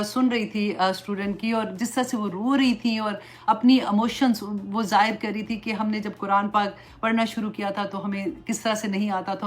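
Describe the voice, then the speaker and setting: A middle-aged woman religious teacher giving an earnest, pleading lecture, mixing English words into her talk. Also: mid-range voice. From Pakistan.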